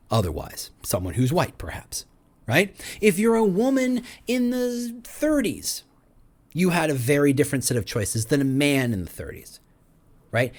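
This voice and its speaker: A man hosting his own podcast, talking through a solo monologue full of rhetorical questions in a loose, conversational way. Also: sits high. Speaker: podcast host.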